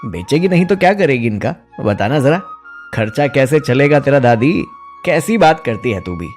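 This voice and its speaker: A man's voice: mid-range voice, big pitch swings, normal speed, darkish tone, faint music behind, close to an everyday voice. A man voicing a greedy, scheming young goat thief who wheedles and mocks with a sly tone. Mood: wheedling.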